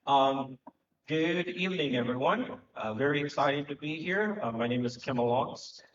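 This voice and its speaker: A man in his thirties gives an earnest, reflective talk on a conference panel, filling pauses as he thinks. His voice sits at an ordinary pitch and is picked up from a distance. The sound is roomy and muffled, with a faint hiss behind it. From Haiti. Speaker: panel speaker, economic development director. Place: conference hall at a live event. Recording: echoey, distant, muffled hall recording.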